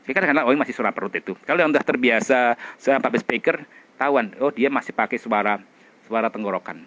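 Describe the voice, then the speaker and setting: A middle-aged man teaching a public speaking class, demonstrating expressions and vocal drills with loud chants and quiet whispers. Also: medium pitch, fast. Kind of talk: energetic training class.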